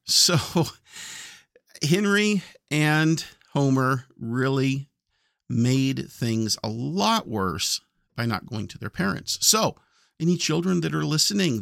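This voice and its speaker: A man's voice: mid-range voice, lively intonation, unhurried, gravelly, a bit bright, dry recording, clean studio sound. A man hosting a podcast, giving casual, reflective commentary. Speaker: podcast host of classic radio comedy.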